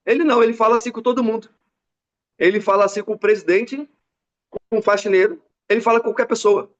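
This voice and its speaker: A Brazilian man with a high voice and a Brazilian Portuguese accent talks fast in a motivational business mentoring talk, recorded with lo-fi sound. He is an animated storyteller who acts out the dialogue of the people in his stories.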